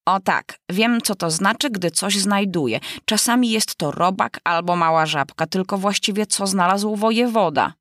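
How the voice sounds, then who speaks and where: A woman's voice: medium pitch, moderate pace, few pauses, fairly bright tone, dry recording, studio quality, close to an everyday voice. A woman voicing a chatty, literal-minded duck in a storybook reading. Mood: puzzled.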